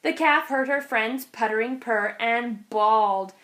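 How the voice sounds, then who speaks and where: Her voice a little high and her pace a touch slow, a woman reads a children's picture book aloud in an animated storytelling manner.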